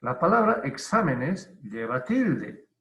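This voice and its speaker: A male teacher giving an online grammar lesson, who explains deliberately, repeats key terms and asks and answers his own questions. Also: on the high side, sing-song, a bit bright. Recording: roomy, dull lo-fi online class audio.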